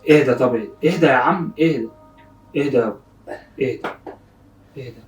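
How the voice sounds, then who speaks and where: A man's voice: mid-range voice, fast talker, soft background music. A young man with an Egyptian accent, pleading and apologizing anxiously, repeating himself over and over in a casual prank vlog. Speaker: prankster vlogger. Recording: roomy sound from a distance.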